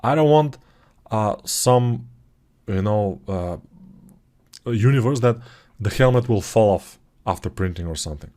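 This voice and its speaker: Speaking at a measured pace with long pauses, the 3D modeling instructor has a lowish, darkish voice and lively intonation. He has a Bulgarian accent, English is his second language, and his tutorial is chatty and digressive, with frequent self-corrections.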